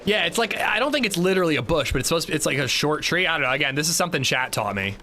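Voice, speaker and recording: A male streamer chats casually with his audience and friends during a gaming livestream, mocking himself and reading out chat messages. His voice is fairly high, animated, and sharp, racing along, with a little hiss or hum in the audio.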